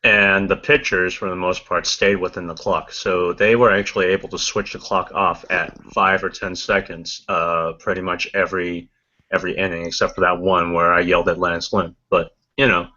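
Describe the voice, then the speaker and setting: A low-voiced man talks through a casual podcast chat, circling back with restarts and fillers. His tone is bright and forceful. The audio sounds dull and lo-fi. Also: level tone, moderate pace. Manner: rambling, many restarts and fillers. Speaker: podcast co-host.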